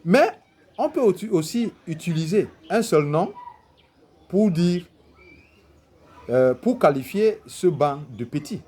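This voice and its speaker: A man gives an unhurried lesson, taking his time over each point. His voice sits rather high but sounds soft and mellow. He keeps posing questions and then answering them himself, the way a patient teacher does. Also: very animated, breathy edge. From Cameroon. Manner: deliberate, poses rhetorical questions and answers them. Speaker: teacher of traditional spirituality. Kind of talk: explanatory teaching talk.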